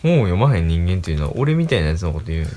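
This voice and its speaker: A co-host with an Osaka accent chats casually, wry and joking, chuckling often as he goes. His low voice is mellow and sing-song, and he talks at a racing pace.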